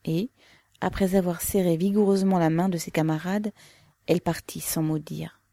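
A woman narrating a novel aloud in a measured, even storytelling manner. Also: lowish voice, gravelly, no echo. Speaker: audiobook reader. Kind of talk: scripted literary narration.

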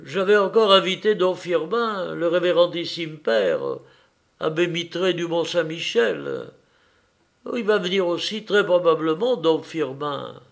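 A man's voice: a little high, expressive, measured pace, vocal fry, voice pushed up. A man voicing a flustered village priest who stammers through his excuses. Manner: stammering, embarrassed.

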